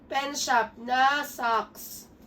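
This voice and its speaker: A hoarse woman, chatting casually as a vlogger while unboxing gifts at home, switching between English and Tagalog. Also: fairly high pitch, fairly even intonation, drawn-out words, bright, forceful tone. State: hoarse from a sore throat. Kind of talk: casual gift-unboxing chat. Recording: distant mic, faint room noise.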